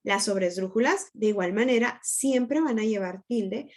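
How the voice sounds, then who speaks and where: A woman's voice: medium pitch, normal speed. A woman teaching an online grammar lesson, explaining patiently and checking in with students often.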